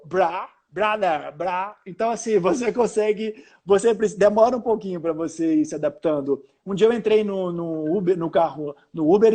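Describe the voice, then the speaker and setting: A man's voice: high voice, warm tone. A Brazilian man with a Brazilian Portuguese accent, a journalist guest chatting over a video call, telling stories with many restarts and fillers. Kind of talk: casual interview chat.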